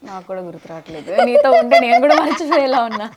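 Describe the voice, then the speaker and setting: A woman's voice: a little high, big pitch swings, rapid-fire, a crowd in the background. A woman interviewing a child actor in a casual chat, playful and teasing.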